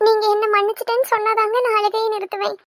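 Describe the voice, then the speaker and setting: A woman's voice: very high-pitched, brisk, dry recording, studio quality. A woman doing a sugary scheming young wife. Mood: pleading. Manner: wheedling, pleading, sugary. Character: cunning young wife, sweet-talking schemer. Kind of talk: cartoon voice acting.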